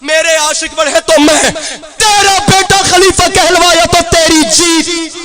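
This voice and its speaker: A man's voice: extremely high pitch, fairly even intonation, slow. A man from Pakistan delivering an impassioned sermon to a gathering, declaiming and chanting repeated refrains while urging the crowd directly. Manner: addresses and urges the crowd directly. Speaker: zakir preaching at a religious gathering.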